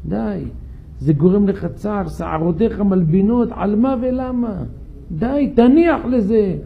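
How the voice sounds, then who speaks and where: A man's voice: sits high, creaky, phone-quality sound. A man voicing an exasperated middle-aged businessman who lectures a friend, in a sermon story. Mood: pleading, lecturing. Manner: lecturing, pleading.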